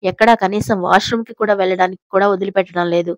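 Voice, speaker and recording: A slightly hoarse woman voicing a flustered young man in an audio story, anxious and whiny. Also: mid-range voice, steady tone, rapid-fire, dry recording, lightly acted. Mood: panicky.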